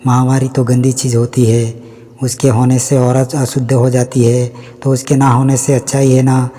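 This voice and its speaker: A man voicing a calm, educated young daughter-in-law in a storybook reading, polite and reasoning in a level way. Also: medium pitch, normal speed, in a large hall, lightly acted.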